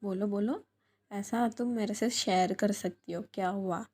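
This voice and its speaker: A woman's voice: mid-range voice, fairly even intonation, unhurried, a little mellow, breathy edge. A woman reading out a playful, affectionate young woman who coaxes and teases her friend sweetly. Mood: teasing. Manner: teasing, sweet, coaxing.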